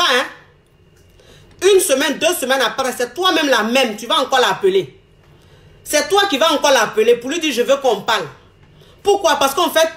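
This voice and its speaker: A woman's voice: sits high, reverberant. A woman giving frank relationship advice in a talk monologue, repeating her phrases for emphasis and acting out the lines she quotes. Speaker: advice speaker.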